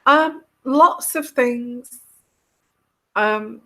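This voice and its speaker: A woman's voice: a little high, very slow, pushed and bright. An English woman hosting a casual live-stream chat as a tarot reader, talking in a rambling, reflective way, run down and tired. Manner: rambling, reflective, often trailing off.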